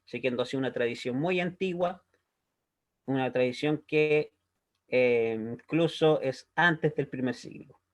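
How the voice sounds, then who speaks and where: Speaking a little slowly in a mid-range voice, a man teaches Hebrew in a recorded lesson. He is patient, building his explanations step by step and often asking "¿ya?" to make sure listeners are following.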